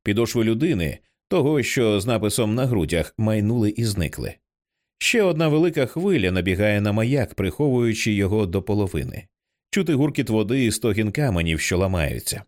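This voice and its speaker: A man narrating an audiobook in an expressive reading style, changing his voice for the characters. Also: lowish voice, brisk. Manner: expressive, acts out many characters. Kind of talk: scripted narration.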